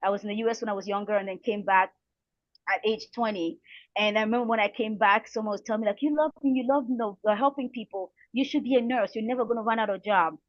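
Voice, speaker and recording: A middle-aged woman from the Republic of the Congo, a coach and counselor, appears as an interview guest offering motivational advice. She speaks fast at a medium pitch, encouraging and earnest, and repeats phrases for emphasis. The recording is muffled with no echo.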